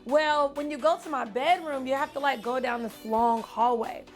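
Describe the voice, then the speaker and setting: A woman in her thirties tells a personal story straight to her viewers in a high, bright voice. She talks casually and animatedly, often calling them y'all. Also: moderate pace, faint music behind. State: close to tears. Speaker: vlogger and author.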